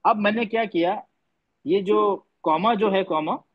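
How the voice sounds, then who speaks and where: Male tajweed teacher, high voice, patient and repetitive, dull lo-fi class audio. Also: measured pace. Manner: patient, repeats points, quizzes students; mixes English words into speech. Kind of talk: online class lecture. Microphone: online class audio.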